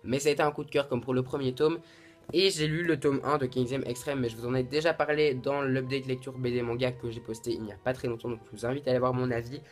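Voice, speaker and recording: A man's voice: mid-range voice, steady tone, fast. A man chatting to camera about books he bought, talking in a casual and hesitant way with many restarts. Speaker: booktuber. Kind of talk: casual book haul vlog.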